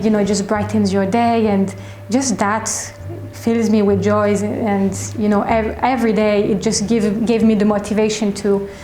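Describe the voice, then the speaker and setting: A woman in her twenties with a French accent, a shop owner answering interview questions in a reflective way, often pausing and restarting. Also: on the high side, warm tone, slight background noise. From France. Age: 20s. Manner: reflective, hesitant with fillers and restarts. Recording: echoey room.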